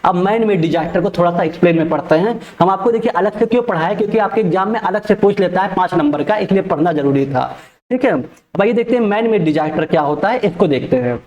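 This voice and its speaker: A male teacher giving an exam-prep lecture who explains each point twice and reads English definitions slowly. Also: high voice, a little mellow, roomy sound, dull audio.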